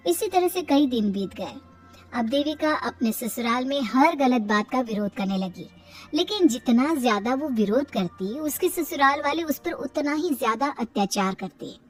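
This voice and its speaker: A woman's voice: high-pitched, lively intonation, moderate pace, recorded from a distance, soft background music. Woman narrating a dramatic cartoon story.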